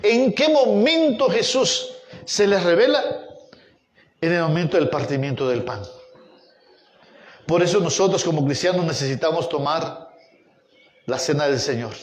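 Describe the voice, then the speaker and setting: A male pastor preaching a sermon with passion, rising to pleading calls and dropping to hushed scripture readings. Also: roomy sound. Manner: impassioned preaching, swinging between raised pleas and low hushed readings.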